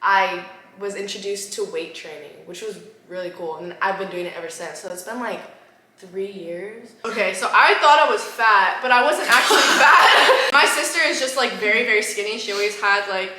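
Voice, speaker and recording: 20 yr old girl rambling casually, lots of "like", bright voice, roomy echo. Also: medium pitch, normal speed. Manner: chatty, laid-back, lots of "like". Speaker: guest friend. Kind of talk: casual chat. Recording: echoey room with faint background noise.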